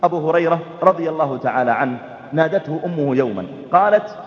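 A man delivers a sermon at a quick clip, his voice pitched high. He acts out the stories with vivid shifts. The recording sounds muffled and echoes as if in a large hall. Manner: animated, acts out the dialogue. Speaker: preacher. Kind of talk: sermon storytelling.

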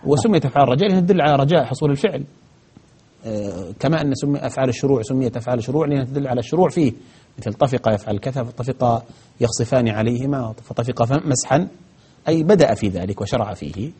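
A man's voice: medium pitch, very fast, mellow, slightly rough. A man teaching grammar on a broadcast lesson, answering viewer questions methodically, step by step, with frequent hesitations.

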